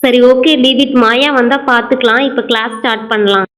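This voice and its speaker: A woman's voice: a little high, steady tone, normal speed, fairly bright tone, close to an everyday voice. A woman voicing a strict but caring teacher in a doll show, speaking firmly. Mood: calm. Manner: firm, scolding. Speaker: schoolteacher.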